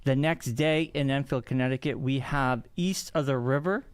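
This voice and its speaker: A man co-hosting a podcast in casual chat, animated and quick to laugh. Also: clean tone, dry recording. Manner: animated, jumps in pitch when excited. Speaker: podcast co-host.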